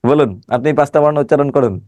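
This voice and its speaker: Middle-aged man, teacher with a cold, mid pitch, dry close sound, teasing students on a video call. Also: quick pace, darkish tone, dry recording. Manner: joking, scolding students by name. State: has a cold. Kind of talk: online class lecture with teasing banter.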